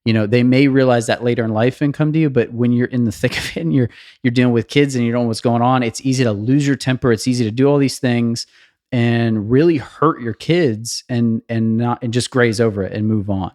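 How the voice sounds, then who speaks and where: A man in his thirties talking earnestly on a podcast, thinking out loud and often restarting sentences. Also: mid-range voice, fairly even intonation, fairly quick, no echo, studio quality. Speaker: podcast co-host. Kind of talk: casual podcast conversation.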